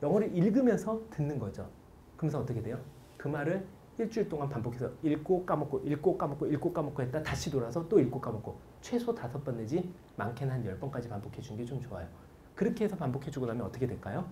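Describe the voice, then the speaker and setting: A man in his forties giving a lively motivational lecture on study methods to students, telling stories and asking the audience questions. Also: mid-range voice, fast talker, slight background noise. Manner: animated storytelling, quotes people, asks the audience questions.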